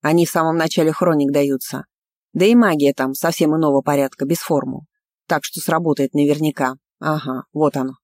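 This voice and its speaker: A man's voice: a little high, fairly even intonation, brisk, dry recording, pitched below the performer's own voice, close to an everyday voice. A woman voicing a pedantic male court mage who speaks in formal, lecturing phrases. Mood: muttering.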